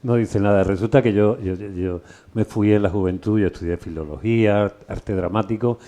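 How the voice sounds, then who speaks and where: Mature Spanish man, very mellow voice. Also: fairly low pitch, normal speed. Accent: Spain. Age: middle-aged or older. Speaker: book presentation host. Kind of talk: informal anecdotal public talk. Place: live book presentation with microphone.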